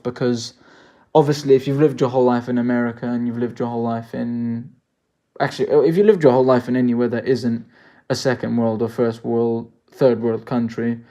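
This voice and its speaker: A man's voice: mid-range voice, warm tone. A man from South Africa chatting loosely through a live-stream Q&A as a worldbuilding creator, thinking aloud with jokey asides. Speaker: worldbuilding creator answering chat.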